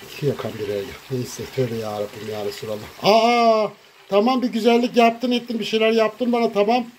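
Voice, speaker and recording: A man recording a cooking vlog in his home kitchen, talking dramatically to viewers and breaking into loud, theatrical insults. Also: high voice, lively intonation, a little fast, a little hiss or hum. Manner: dramatic, shouts insults, addresses viewers as "canlarım". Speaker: cooking vlogger.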